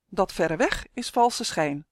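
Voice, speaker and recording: A reader voicing a huge, smug know-it-all giant in a storybook, with a booming, teasing way of talking. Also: expressive, slow, slight background noise. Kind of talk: storybook reading.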